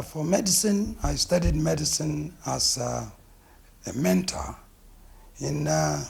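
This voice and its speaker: A middle-aged man from Ghana with a Ghanaian accent, a naturopathic physician introducing himself and his work in a deliberate, emphatic way. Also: fairly high pitch, creaky, breathy edge. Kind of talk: self-introduction interview.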